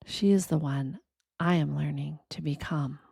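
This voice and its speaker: A woman gives a quiet, reflective scripted reading in a gentle, deliberate manner, leaving pauses between short phrases. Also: deep voice, gravelly, husky, no echo, studio quality. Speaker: narrator of a reflective spiritual reading.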